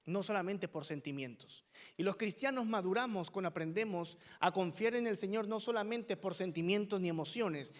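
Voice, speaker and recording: A man's voice: high-pitched, normal speed, big-room sound. A male pastor preaching a sermon in a church, emphatic and full of rhetorical questions to the congregation. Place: church sanctuary.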